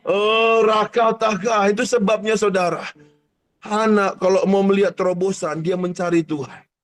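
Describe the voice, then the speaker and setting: Impassioned high-voiced male preacher. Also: fairly even intonation, moderate pace. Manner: impassioned, swings from shouted exhortation to hushed intensity, speaks in tongues. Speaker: pastor. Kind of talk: charismatic prophetic sermon.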